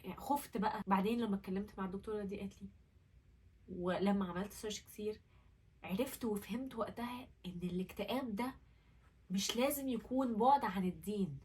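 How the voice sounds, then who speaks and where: Young woman, Egyptian Arabic accent, husky, rapid speech, earnest and emotional, personal vlog, distant mic. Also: mid-range voice, darkish tone. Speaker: vlogger.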